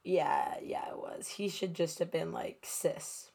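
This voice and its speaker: A woman's voice: lowish voice, lively intonation, measured pace, creaky, a little mellow. A woman co-hosting a podcast, reacting in a playful, teasing way in casual chat. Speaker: podcast co-host.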